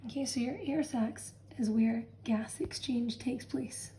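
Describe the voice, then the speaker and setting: A woman's voice: on the high side, fairly even intonation, a little slow, mellow, slight background noise, poor audio. A woman science teacher talking students through a revision lesson, explaining patiently and checking in with "okay" as she goes. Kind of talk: revision lesson narration over a drawn diagram.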